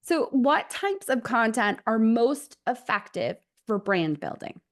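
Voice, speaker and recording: The business podcast host's voice is on the high side, swinging widely in pitch as she takes her time. Warm and encouraging, she presents her guest and guides the interview with questions.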